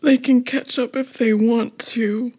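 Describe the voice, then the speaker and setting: Gentle sad little winged storybook creature, as a woman puts her on, breathy, slow. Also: fairly high pitch, steady tone, pitched above the performer's own voice. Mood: wistful.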